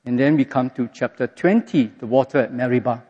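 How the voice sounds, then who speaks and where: A man preaching a sermon, reading scripture aloud and telling the story in an animated way, recorded in a dull, echoey hall. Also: medium pitch, brisk, husky. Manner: animated storytelling, acts out quotes.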